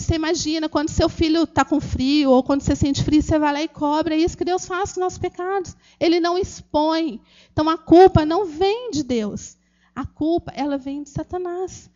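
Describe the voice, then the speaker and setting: A woman's voice: very high voice, a little mellow, highs cut off. A Brazilian woman with a Brazilian Portuguese accent giving an earnest, emotional personal testimony at a church gathering, speaking directly to the audience with frequent restarts. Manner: earnest, addresses the audience as "gente", many restarts.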